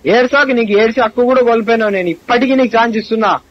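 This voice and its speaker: A young man in a heated phone argument, angry and accusing, with an abusive, rapid-fire way of talking. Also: extremely high pitch, no echo. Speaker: college student on a phone call. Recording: phone call recording, dull with faint hiss.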